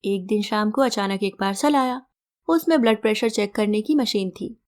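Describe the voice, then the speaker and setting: A woman storyteller reading a first-person story aloud in a gentle, reflective, measured way. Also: medium pitch.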